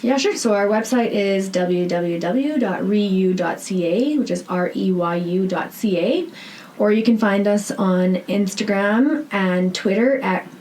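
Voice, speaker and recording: Speaking as a podcast guest, the woman who founded a rehab centre responds to interview questions in a chatty, earnest, emphatic manner with a Canadian accent, checking in with "right?" again and again. She has a medium-pitched, slightly mellow voice. The recording is poor and carries noticeable background noise.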